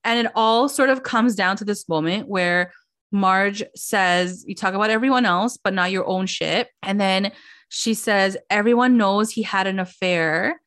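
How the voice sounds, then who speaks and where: A young woman hosting a podcast, chatting casually in a slangy, animated way. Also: mid-range voice, a little slow, no room sound, studio quality. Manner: animated, slangy, acts out quotes. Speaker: podcast host. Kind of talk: casual chat.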